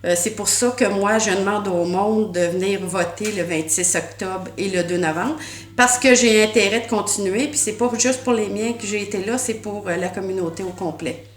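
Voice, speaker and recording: In an echoey room with slight background noise, a middle-aged woman with a Québécois French accent, from Quebec, Canada, answers questions as a school board candidate. Her pitch is medium and her speed normal; earnest in tone, she keeps restarting, repeating words as she searches and leaning on "euh."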